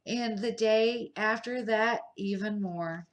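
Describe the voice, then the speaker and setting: A grandmother reads a children's picture book aloud in a medium-pitched voice. Her delivery is measured, careful and amateur, built from short phrases.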